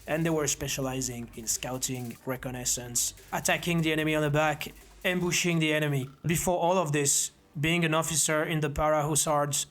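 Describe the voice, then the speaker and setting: A man, founder of a self-defense academy and former army officer, earnestly telling his own story to camera. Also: on the high side. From Belgium. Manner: earnest, steady, measured delivery. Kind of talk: presenting to camera, personal story.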